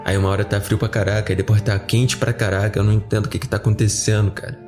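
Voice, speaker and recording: Talking fast over music, a Brazilian man with a lowish, fairly flat voice hosts a podcast while his voice sounds a bit off from the flu. His casual chat to listeners is informal and rambling.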